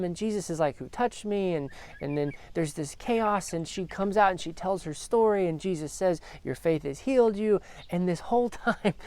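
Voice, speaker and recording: A woman's voice: on the low side, mellow, no echo. A woman telling a Bible story as a devotional, earnest, acting out the quotes as she goes. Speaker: devotional speaker.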